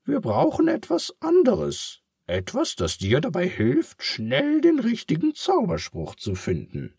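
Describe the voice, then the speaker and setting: A squeaky clever storybook pig. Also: male voice, wildly swooping pitch, a little slow, creaky, husky, no room sound, studio quality, exaggerated voice. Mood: comforting. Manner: high squeaky voice, gently exasperated. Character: clever male pig, patient and kind, loves poetry. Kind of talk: storybook reading.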